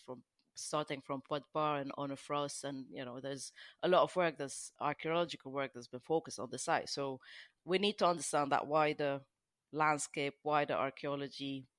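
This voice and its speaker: A woman's voice: very deep voice, fairly even intonation, normal speed, no room sound. A woman from Lebanon, a guest on a podcast, explaining at length with frequent restarts and "you know". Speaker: guest archaeologist. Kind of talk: podcast conversation.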